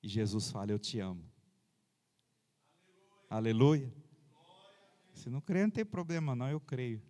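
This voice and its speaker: A pastor preaches a sermon in a church, speaking in a chatty, personal way and dropping in frequent amens and hallelujahs. His voice is medium-pitched, dark and very animated at a moderate pace, picked up by a handheld microphone in a reverberant church hall.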